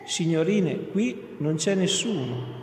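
A man voicing a brisk male church sacristan, speaking matter-of-factly in an echoey hall. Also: fairly high pitch, lively intonation, a little mellow, slight background noise. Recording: echoey hall, long reverb.

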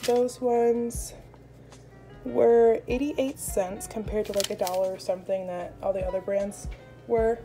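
In her home kitchen, a young American woman narrates her vlog in a chatty, casual way, her warm, steady mid-range voice moving a little slowly. Background music accompanies her.

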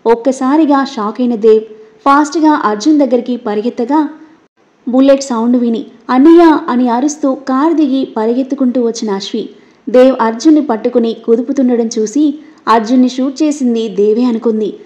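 A woman storyteller giving a scripted story narration in a steady, even reading voice. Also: on the high side, a little fast, muffled recording.

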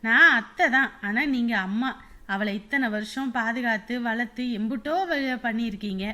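Woman acting as a mother-in-law, middle-aged, bossy but caring, bright raised voice, family drama. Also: fairly high pitch, normal speed. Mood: reassuring. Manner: reassuring and commanding.

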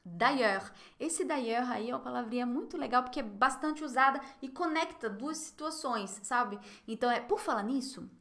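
Bright-voiced Brazilian woman teaching French. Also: on the high side, lively intonation. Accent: Brazilian Portuguese. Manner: explains French phrases in Portuguese, models pronunciation slowly. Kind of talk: live online language lesson.

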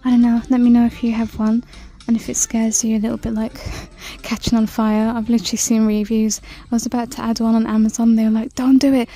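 A woman chatting through a shopping walk-through in a large store, reading out prices and sometimes dropping to a soft whisper, filmed on a handheld phone. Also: a little high. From United Kingdom. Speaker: shopping vlogger. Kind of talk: casual shop-with-me commentary. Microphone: handheld phone camera.

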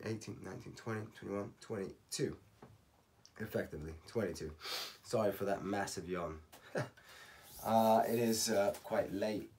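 Slightly hoarse man in a tutorial. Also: on the low side, slight background noise. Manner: relaxed, talks through each step, counts aloud. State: slightly hoarse, losing his voice. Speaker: racket stringing instructor. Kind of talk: step-by-step how-to tutorial. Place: home workshop at night. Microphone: camera on a tripod.

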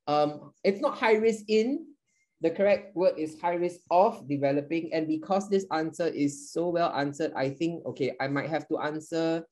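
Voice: medium pitch, darkish tone, low-quality recording. A teacher runs a live online class in a playful, joking way and counts down to each answer.

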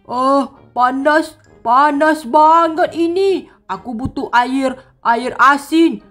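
A woman's voice: high voice, fairly bright tone, soft background music. Woman voicing a whiny parched king worm. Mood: distressed. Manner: pleading, drawn-out complaining.

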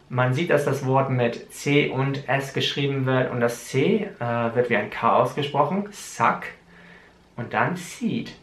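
Slow, careful male language teacher in an echoey room. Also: mid-range voice, a bit bright. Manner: repeats each word slowly and explains spelling. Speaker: English teacher. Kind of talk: vocabulary lesson with pronunciation drills.

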